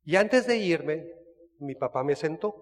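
Mexican man, high voice, chatty storyteller with restarts, long room reverb. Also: animated, measured pace. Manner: chatty, frequent restarts, asks listener asides. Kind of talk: casual personal storytelling.

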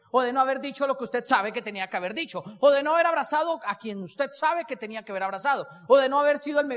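This Colombian-accented motivational speaker has an extremely high, fairly bright voice with a big-room sound. Live on stage, he recounts his own story, performs the dialogue, and asks the crowd questions.

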